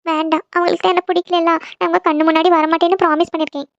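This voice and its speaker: Woman voicing a young cartoon heroine, tearful, proud, defensive, high voice, rushed delivery, dry, dull lo-fi sound. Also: little pitch movement, dry recording. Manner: hurt, defensive, insists nothing is wrong. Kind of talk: cartoon voice acting.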